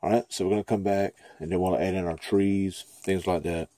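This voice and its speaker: A man's voice: low voice, steady tone, brisk, warm tone, no room sound. A man giving a casual, chatty painting lesson at his easel, thinking aloud as he works. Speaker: painting instructor. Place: dim room at an easel.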